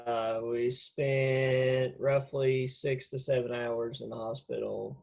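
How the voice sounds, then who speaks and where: A man's voice: mid-range voice, level tone, slow, vocal fry, darkish tone. A man co-hosting a podcast, laid-back and laughing easily in casual chat. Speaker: podcast co-host.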